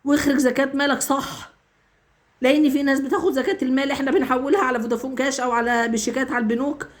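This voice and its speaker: An Egyptian woman vlogging with a high voice, speaking to the camera in an earnest, pleading appeal. She talks quickly, repeats her points and stumbles into restarts as she grows upset. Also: steady tone. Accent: Egyptian Arabic. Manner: stammers and restarts when upset. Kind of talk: emotional direct-to-camera appeal.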